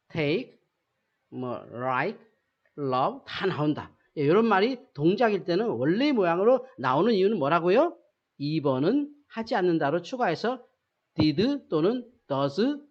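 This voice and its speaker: A teacher giving a recorded grammar lesson, asking rhetorical questions, answering them, and repeating key phrases to drill them in. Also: medium pitch. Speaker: English teacher. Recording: dull lo-fi sound.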